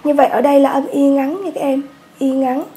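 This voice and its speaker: A Vietnamese woman walks students through an English workbook in a high, mellow voice. She speaks patiently and says words over slowly for her class. A faint noise sits behind her. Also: level tone. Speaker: English teacher. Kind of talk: workbook lesson walkthrough.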